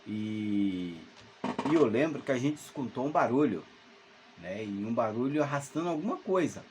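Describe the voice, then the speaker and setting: A man's voice: medium pitch, expressive, moderate pace, darkish tone, a little hiss or hum. A man, telling a spooky childhood story at home in a rambling, hesitant way full of fillers and restarts. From Salvador, Brazil. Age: 50s. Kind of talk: casual spoken ghost story. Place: at home alone.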